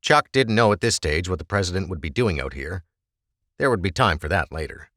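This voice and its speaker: Man, audiobook narration, dramatic delivery, dry close studio sound, deep-ish. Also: animated, fairly quick, fairly bright tone, no room sound.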